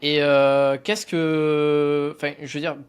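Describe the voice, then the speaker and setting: A man hosting a casual interview, asking questions in a halting way, often stumbling and restarting. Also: a little high, level tone, smooth. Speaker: interview host.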